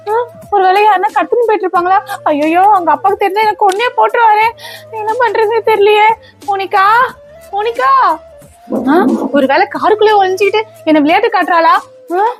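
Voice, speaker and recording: Woman acting stern stepmother, very high voice, bossy, skit with light music behind. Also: a little fast. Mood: panicked. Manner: bossy, scolding commands. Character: strict, scolding stepmother, adult woman.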